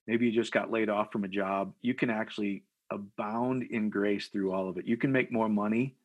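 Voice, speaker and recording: Pastor, man from Iowa, low husky voice, preacherly and repetitive. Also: moderate pace, dull audio. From Iowa, USA. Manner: energetic, preacherly, repeats phrases for emphasis. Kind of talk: podcast interview, leading a prayer.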